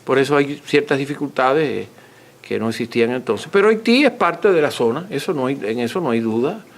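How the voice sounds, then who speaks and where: A man's voice: mid-range voice, animated, fairly quick. A man gives an extempore scholarly talk as a lecturer, teaching courteously and repeating points for emphasis. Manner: didactic, emphatic repetition, courteous. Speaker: author and lecturer answering audience questions.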